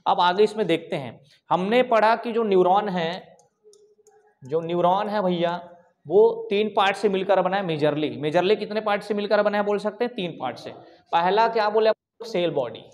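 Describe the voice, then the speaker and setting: A man's voice: high-pitched, moderate pace. A male coaching teacher, teaching a live online class in an informal way, asking questions and then answering them himself. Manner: repetitive call-and-response questioning; informal, calls students bhaiya and bhai. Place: coaching class, recorded over slides.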